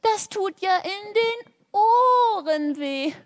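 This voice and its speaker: A woman's voice: very high-pitched, lively intonation, slow, no room sound, clean studio sound, pitched above the performer's own voice, full character voice. A woman playing a friendly, polite clown in a children's story. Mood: polite plea. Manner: gentle, polite storybook telling-off. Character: friendly polite male fast-food clown.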